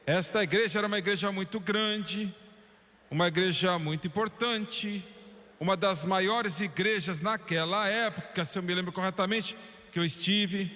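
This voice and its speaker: A fervent preacher with a Brazilian Portuguese accent, his voice high and bright as he tells his story. He drops to a hush, then pushes out strong, emphatic lines. A long hall reverb trails behind every phrase. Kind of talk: dubbed sermon storytelling.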